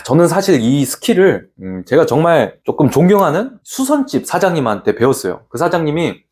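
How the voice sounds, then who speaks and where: A man's voice: a little high, very animated, a little fast, darkish tone. A man who works as a real estate agent gives an instructional talk to other agents, bluntly and with slang, asking rhetorical questions and answering them himself. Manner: slangy and plain-spoken.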